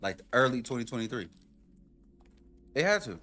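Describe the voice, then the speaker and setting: A man streaming, reacting to a video with animated, profane, rhetorical ranting in casual commentary. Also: mid-range voice, normal speed, faint music behind.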